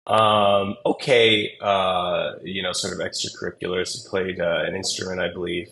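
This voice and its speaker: Animated, low-voiced male consultant. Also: moderate pace. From Singapore. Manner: animated storyteller with many fillers and restarts. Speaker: admissions consultant, guest. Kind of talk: casual interview storytelling.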